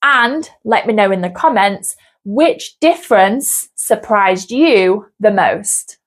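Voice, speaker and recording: A woman with a British accent teaching an English lesson, speaking clearly and deliberately as she models each word. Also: medium pitch, lively intonation. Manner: slow, clear and deliberate, modelling words carefully. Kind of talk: scripted lesson.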